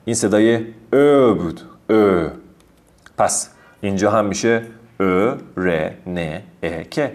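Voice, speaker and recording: A man giving a recorded language lesson over slides, patiently spelling out letters and sounding out words slowly. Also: fairly low pitch, animated, a little mellow. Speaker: language teacher.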